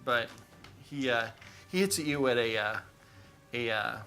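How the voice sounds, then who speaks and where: A man narrates a tabletop role-playing session as game master, with a very bright, forceful tone. He talks in an animated, playful way, and a little music runs faintly underneath. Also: mid-range voice, unhurried.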